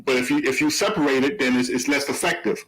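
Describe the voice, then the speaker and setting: A man's voice: medium pitch, fast talker, a bit bright, low-quality recording. A man co-hosting a radio talk show, speaking reflectively and explaining his points with analogies and many fillers. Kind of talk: casual radio discussion.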